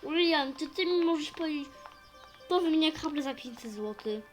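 A woman with a high voice chats in character while playing through a role-play story, narrating her own actions at a normal speed and breaking into sudden excitable outbursts. Faint music plays behind her, and the recording is rough.

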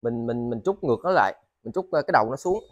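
A man with a southern Vietnamese accent talks through goods for sale in a casual vlog style. His mid-pitched voice wanders along haltingly, doubling back to repeat words. The sound is close and dry. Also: expressive, no echo. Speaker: seller of used motors and machine parts. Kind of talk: casual, rambling sales vlog. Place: indoors in a cluttered tiled storeroom.

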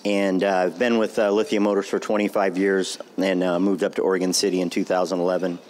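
Man at a meeting, very low voice, hesitant self-introduction. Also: flat delivery, a little mellow, a little hiss or hum. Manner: halting, many uhs. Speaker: car dealership manager. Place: meeting room.

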